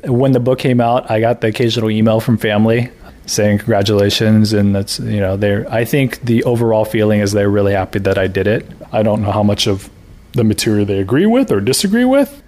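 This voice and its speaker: With a lowish voice and a fairly quick pace, an American graphic novelist in his thirties chats in an easygoing interview, often using fillers and restarting sentences.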